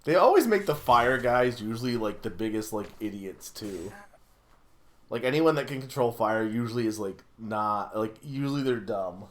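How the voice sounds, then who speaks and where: A man's voice: on the low side, lively intonation, moderate pace, fairly bright tone. A man giving casual, joking gameplay commentary, teasing the game as he plays. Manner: joking, teasing the game's writing. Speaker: gamer reading game dialogue aloud.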